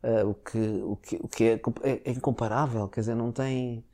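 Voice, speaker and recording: A man's voice: medium pitch, steady tone, normal speed, warm tone. A man from Portugal speaking European Portuguese, a guest in a casual conversation, who hesitates and restarts often. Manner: hesitant, with many restarts and filler words.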